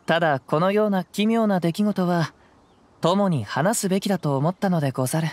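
A male actor playing a gentle, poetic young wandering samurai in a video game, speaking calm, measured, old-fashioned samurai Japanese. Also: high voice, no room sound, close to an everyday voice. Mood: calm, thoughtful. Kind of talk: scripted game dialogue. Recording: clean voice over background music.

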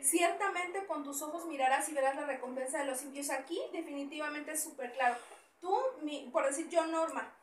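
A middle-aged woman pastor, preaching a sermon and reading scripture, animated and repeating phrases. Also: sits high, a little fast. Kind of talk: Spanish sermon with Bible reading. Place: small church hall indoors. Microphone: far camera, no mic. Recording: echoey room from far off with faint noise.

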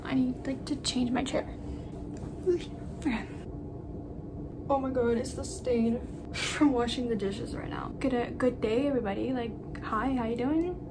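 A young woman talks through her routine in a loose, rambling way, with a slight lisp and the odd casual swear. Her voice sits a little high. A faint hiss runs under the home recording. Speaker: vlogger. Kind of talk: casual get-ready-with-me chat. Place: at home, indoors.

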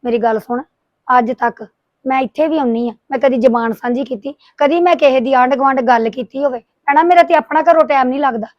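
Woman acting as an indignant seamstress, high voice, rapid speech, dry close sound, domestic drama. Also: no echo, lo-fi sound, natural voice. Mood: aggrieved. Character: aggrieved woman tailor, hurt by gossiping neighbors. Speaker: boutique tailor with young children.

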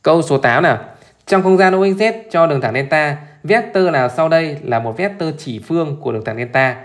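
Somewhat high-pitched, animated, and a little fast, this man teaches math while walking through an exam live. He's chatty and informal, forever repeating short check-in questions to his audience.

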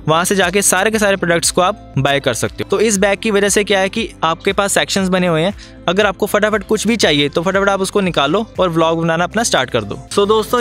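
A man's voice: high voice, fairly bright tone. A young man in his twenties explaining gear in a chatty vlog, recorded on a phone's built-in mic in a car. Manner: chatty, explanatory, addresses viewers as friends. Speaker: vlogger. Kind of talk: casual tutorial vlog. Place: inside a moving car, then outdoors by the car.

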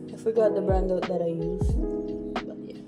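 A young beauty vlogger from the Philippines chats through her makeup routine in a casual get-ready-with-me video, filmed indoors in her bedroom on a phone camera held at arm's length. Her mid-range voice keeps a fairly even intonation while she talks slowly and self-consciously, rambling with many restarts. Music plays behind her.

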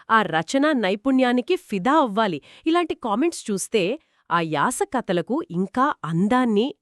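Lively, high-voiced woman podcast co-host. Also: no echo, clean studio sound. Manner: explains and sums up reader reviews. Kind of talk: book discussion podcast.

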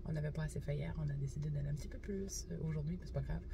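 A woman's voice: deep voice, rapid-fire, vocal fry, background noise. A woman in her forties with a Québécois French accent, chatting casually on a travel vlog and laughing easily. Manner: bubbly, squeals and laughs easily. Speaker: vlog co-host. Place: car interior, then backyard pool outdoors. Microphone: phone camera at arm's length.

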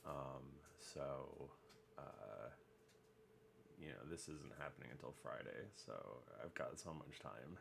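A man's voice: rumbling low, slow pace, vocal fry, noisy background. A man chatting casually and rambling with many restarts while he cleans up crafts and gets ready to listen to a podcast.

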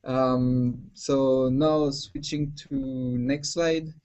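Slow, halting male presenter. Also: medium pitch, fairly even intonation, warm tone, muffled recording. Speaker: technical presenter. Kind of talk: unscripted technical presentation.

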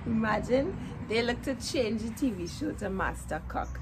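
A woman's voice: fairly high pitch, animated, moderate pace. A woman in her twenties with a Trinidadian Caribbean accent, chatting casually and playfully to camera in colloquial speech. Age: 20s. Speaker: video creator. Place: outdoor porch beside greenery. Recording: noisy outdoor ambience with vehicle sounds.

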